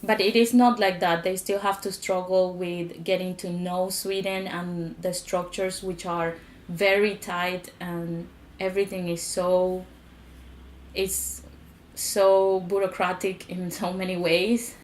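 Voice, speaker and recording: Flat-voiced woman explaining calmly. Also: fairly low pitch, takes it slowly, rough recording. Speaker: festival organiser. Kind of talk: interview commentary.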